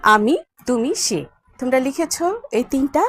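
A woman with a Bengali accent teaches Sanskrit words at a board, slow and patient, breaking each word into its letters. Her pitch sits a little high and swings widely as she asks the class questions. A faint ambient hiss sits behind her voice. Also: animated, fairly bright tone. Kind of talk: classroom lesson at a whiteboard.

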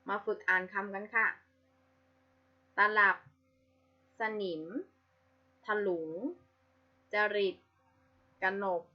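A woman's voice: mid-range voice, steady tone, drawn-out words, long pauses. A woman teacher giving a reading lesson to young pupils, patiently spelling out each sound. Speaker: primary school teacher. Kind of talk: slow, clear classroom reading lesson. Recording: slightly dull lo-fi audio.

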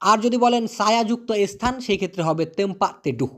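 Man from Bangladesh, casual spoken lesson, repeats words, quizzes himself, very lively pitch, joking asides. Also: fast. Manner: repeats each word, asks and answers own questions; lively teaching voice with jokey asides. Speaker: language teacher.

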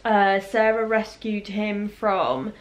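A woman's voice: mid-range voice, takes it slowly. A young woman chatting casually in her vlog, bubbly and full of exclamations. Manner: bubbly and exclamatory, gushes at dogs. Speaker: vlogger.

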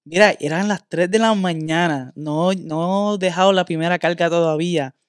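A man's voice: fairly high pitch, steady tone, moderate pace, clean tone, no room sound, clean studio sound. Man telling a candid story. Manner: candid storytelling, mixes in English words. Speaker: podcast host.

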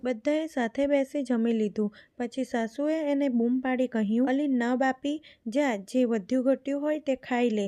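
A woman narrating a devotional folk tale in a steady, even read-aloud storytelling manner. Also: fairly high pitch.

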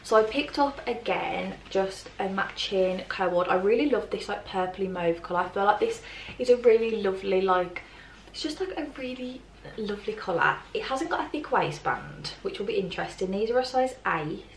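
A twenty-something British woman chats through a clothing try-on at normal speed in a mid-range voice, peppering it with "like" and other fillers. She's a fashion vlogger filming in a plain grey bedroom, recorded from a distance on the camera's mic, with roomy echo, a slightly off-mic sound, faint ambience, and some hiss or hum.

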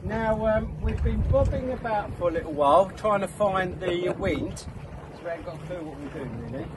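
A middle-aged man with a fairly high voice hosts a casual vlog from a small dinghy, chatty and quick to make fun of himself. He films on a phone held at arm's length, out on the open sea. Loud wind and lapping water run under every line. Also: lively intonation. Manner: chatty, jokey, self-mocking. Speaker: vlog host. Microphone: phone camera at arm's length.

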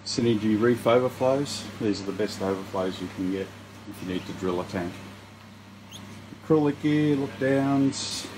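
An Australian man who owns an indoor retail store walks through it casually, listing products slowly and unhurriedly one by one. His voice is fairly low, with a noisy background.

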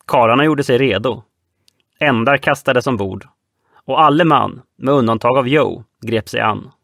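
A man reading an adventure audiobook aloud in a steady, measured way. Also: mid-range voice, gravelly, dry recording, clean studio sound. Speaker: audiobook narrator. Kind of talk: audiobook narration.

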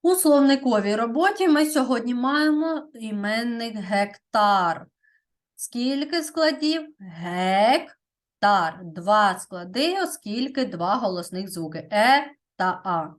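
A woman teaching a primary school grammar lesson, speaking deliberately and often checking in with "так?". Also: on the high side, expressive.

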